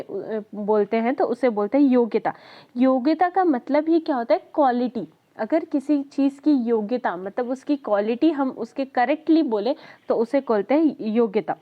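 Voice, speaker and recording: A woman teaching an Ayurveda lesson, explaining terms in Hindi mixed with English and reading definitions slowly. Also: on the high side. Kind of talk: explaining lecture. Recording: dull lo-fi audio.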